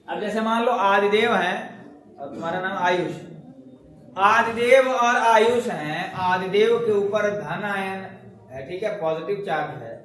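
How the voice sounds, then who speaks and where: High-voiced energetic male chemistry teacher. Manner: energetic, jokey, asks the class checking questions. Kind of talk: classroom lecture. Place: large classroom with students. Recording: echoey classroom from far off with student chatter.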